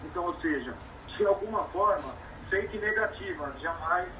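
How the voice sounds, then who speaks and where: A male lawyer argues insistently and formally on a TV news show. His voice sits somewhat high for a man. Clear crowd noise runs underneath the broadcast. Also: normal speed, poor audio. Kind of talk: arguing on live TV.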